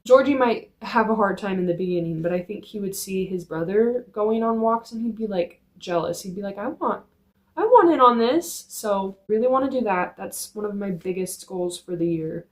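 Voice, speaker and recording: A woman's voice: medium pitch, normal speed, hardly any pauses, a little mellow. A young woman talking to camera in a casual vlog, chatty and earnest with lots of "like", filmed on a phone on a tripod in a dim room at home. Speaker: vlogger. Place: dim room in her apartment.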